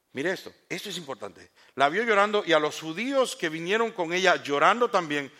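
Male preacher, bright slightly high voice, dramatic loud-soft delivery with jokes, church sermon. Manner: wide swings from loud preaching to hushed storytelling, joking asides. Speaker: pastor.

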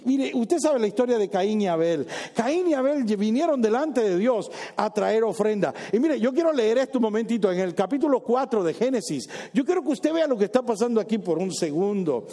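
A man preaching a sermon as pastor in a church, lively, asking the congregation questions and acting out little scenes. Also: high-pitched, fairly quick, hardly any pauses.

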